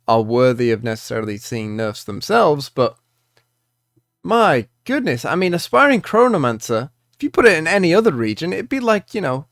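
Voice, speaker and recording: A man delivering an unscripted commentary rant, exasperated and incredulous, moving between measured explanation and worked-up emphasis. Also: a little high, dry recording, clean studio sound. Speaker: video creator ranting about card game balance.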